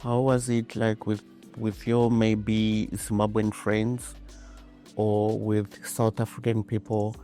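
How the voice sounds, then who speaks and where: A man hosting a podcast interview, hesitant, filling pauses with "um" and repeating "I see". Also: lowish voice, little pitch movement, dark tone, faint music behind. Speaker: podcast host. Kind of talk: casual interview.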